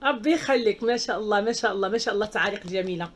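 A woman's voice: medium pitch, steady tone, racing. A woman with a Moroccan accent hosting a live stream, reading viewer comments and speaking out in an emphatic, outspoken way. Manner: outspoken and emphatic, with repeated exclamations.

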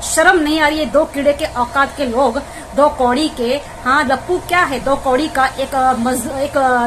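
A woman's voice: sits high, noisy background. A woman vlogger delivering an indignant, scolding commentary rant aimed straight at the person she criticizes. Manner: scolding, indignant, addresses the target directly.

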